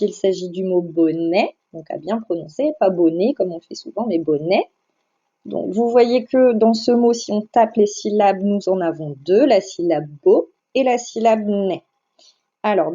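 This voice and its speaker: Teacher speaking slowly, mellow voice. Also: female voice, medium pitch. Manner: slow, careful, over-articulating sounds and syllables. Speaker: primary school teacher. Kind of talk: recorded phonics lesson for children. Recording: slightly dull lo-fi voice recording.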